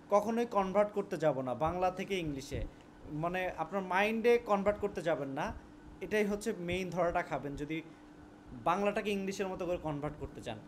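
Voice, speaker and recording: A young Bangladeshi man with a high voice and Bangladeshi Bengali accent gives a casual spoken lesson, blending English words into his Bengali and frequently restarting. A faint hiss or hum sits under the recording.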